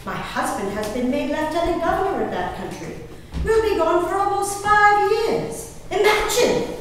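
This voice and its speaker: A woman performs a dramatic stage monologue as Elizabeth Simcoe, an excitable, willful young English gentlewoman who keeps a diary. Her very high-pitched voice is expressive, gracious, and confiding, with emphatic pauses. The recording is distant, captured in an echoey hall with faint noise.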